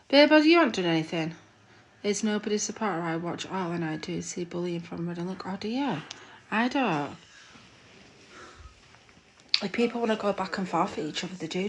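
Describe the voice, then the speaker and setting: A woman's voice: medium pitch, lively intonation, normal speed, pauses often, slight background noise. A woman hosting a casual live stream from her room at home, chatting and gossiping into her phone, laughing at herself.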